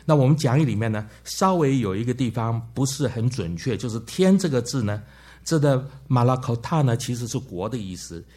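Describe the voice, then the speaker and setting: Husky man lecturing a Bible class. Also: mid-range voice, lively intonation, fairly quick, darkish tone. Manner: frequent "ha" tag words and questions to the class. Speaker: Bible teacher.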